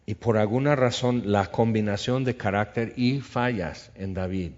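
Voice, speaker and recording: Man, sermon, acts out scenes, lowish voice, dull sound. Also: normal speed. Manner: animated, acts out biblical dialogue. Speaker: preacher.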